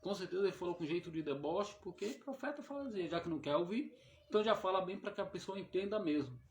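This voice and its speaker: A man with a Brazilian Portuguese accent preaching a fiery sermon as an evangelist. He talks emphatically, rising loud on key words and then dropping soft on the little "my brother" tags. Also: high-pitched, expressive, fast talker, faint music behind. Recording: roomy echoey sound.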